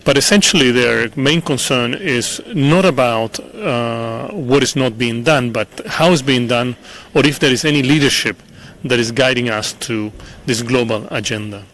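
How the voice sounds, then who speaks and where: A middle-aged man from Chile, answering interview questions in an earnest, measured way with frequent pauses and repeated words. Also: mid-range voice, fairly bright tone. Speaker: interview guest, international official. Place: conference venue.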